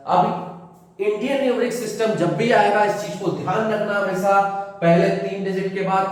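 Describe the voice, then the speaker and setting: A man teaching a maths lesson to children, asking questions and answering them himself, often calling the students "beta". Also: sits high. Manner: calls students "beta" warmly. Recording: echoey hall, voice from far off.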